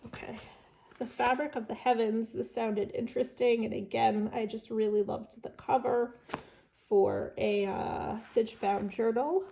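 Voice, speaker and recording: A woman's voice: fairly high pitch, steady tone, unhurried, creaky, dark tone. A woman with a stuffed-up nose, chatting casually and enthusiastically as she shows off an estate sale book haul. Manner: chatty, enthusiastic, musing aloud with fillers. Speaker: vintage seller showing an estate sale haul. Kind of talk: casual show-and-tell vlog.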